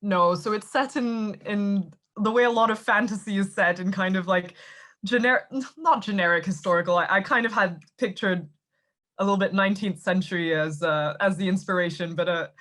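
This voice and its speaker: A woman's voice: mid-range voice, normal speed, fairly bright tone. A woman from Thailand with an American accent, an author explaining her work articulately in a video call interview. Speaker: author guest. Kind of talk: casual interview answers.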